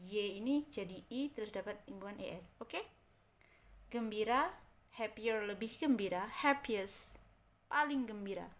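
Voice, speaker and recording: Slow-talking Indonesian woman teaching English. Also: mid-range voice. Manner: repeats example words slowly, checks understanding with "kan?" and "oke?". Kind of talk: explaining grammar in a recorded lesson.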